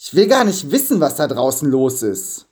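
A man's voice: mid-range voice, sing-song, normal speed, darkish tone, lightly acted. A man voicing a rich, greedy, lonely miser who snarls and hisses. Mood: snarling. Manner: snarling and hissing.

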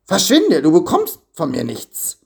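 A man's voice: high voice, big pitch swings, normal speed, a little mellow, pitched above the performer's own voice. A man voicing a rich, greedy, lonely miser who snarls and hisses. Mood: snarling. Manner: snarling and hissing.

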